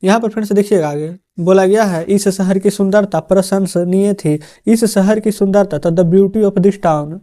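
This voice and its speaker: A man with a high, mellow voice and a normal speaking speed dictates a translation lesson word by word. Addressing his viewers as friends, he keeps checking in with them along the way.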